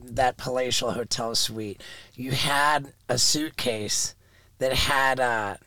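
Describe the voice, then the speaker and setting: A man's voice: mid-range voice, steady tone, slow pace, bright, forceful tone, dry recording, low-quality recording. A man hosting a podcast, chatting eagerly about shared memories. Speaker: podcast host. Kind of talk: casual chat.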